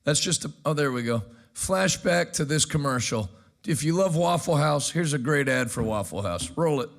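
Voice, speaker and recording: A man's voice: fairly high pitch, expressive, moderate pace, vocal fry. A man hosting a news commentary show, brash and sarcastic, introducing clips with punchy remarks. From United States. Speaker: host. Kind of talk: energetic commentary.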